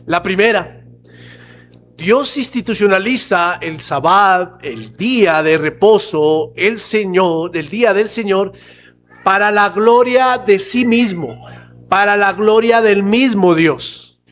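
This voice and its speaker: A pastor preaching a sermon to his church, slow and emphatic, asking rhetorical questions. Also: high voice, fairly bright tone, a little hiss or hum, rough recording.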